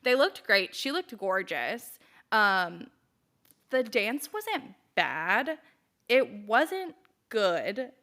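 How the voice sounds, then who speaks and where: A woman's voice: fairly high pitch, big pitch swings, very slow, pushed and bright. A young woman co-hosting a podcast, chatting casually with lots of fillers and acted-out quotes. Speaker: podcast co-host. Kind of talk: casual chat recap.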